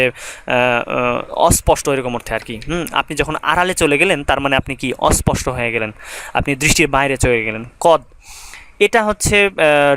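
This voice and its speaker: A man's voice: a little high, a bit bright. A young man teaching grammar in a casual, conversational lecture, with many fillers and rhythmic recitation of word lists.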